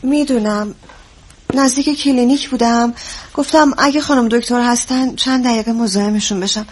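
Drama role: worried daughter, high and breathy, anxious. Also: female voice, steady tone. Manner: anxious, pleading. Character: anxious young woman worried for her mother. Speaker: worried daughter visiting a clinic.

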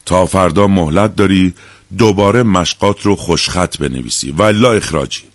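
A man's voice: low voice, dry recording, natural voice. A man voicing a strict, angry male school principal who barks orders at his class. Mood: stern scolding. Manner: barking, scolding orders.

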